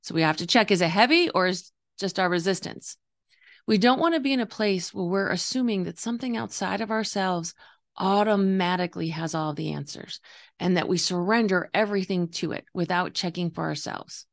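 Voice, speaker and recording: A woman with a gravelly, slightly hoarse voice talking earnestly and reflectively as a coach hosting a solo podcast, explaining her views. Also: lowish voice, fairly quick. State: voice partly gone, slightly hoarse. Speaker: intuitive coach and podcast host.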